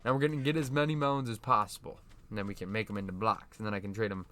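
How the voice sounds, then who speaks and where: A man's voice: on the low side, steady tone, very fast, sharp tone. A young man giving casual, rambling commentary over his own gameplay, often correcting himself and laughing at himself. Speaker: gaming YouTuber.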